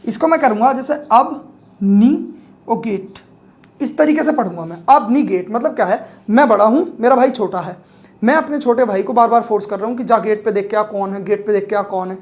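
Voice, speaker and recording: Young guy teaching vocab, fairly high voice, keeps asking okay? after each trick. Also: quick pace. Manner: explains each word through a memory trick and keeps checking in with "okay?". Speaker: vocabulary teacher for exam prep. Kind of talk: classroom-style lesson.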